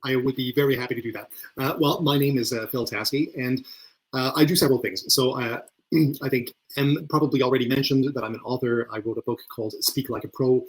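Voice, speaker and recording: A man gives an earnest webinar talk as a leadership coach, speaking at an ordinary mid pitch. He often restarts his phrases, saying the same word two or three times before he goes on. He is heard over a video call. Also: steady tone, fairly quick, slightly rough, rough recording. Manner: earnest, repeats words often when starting phrases.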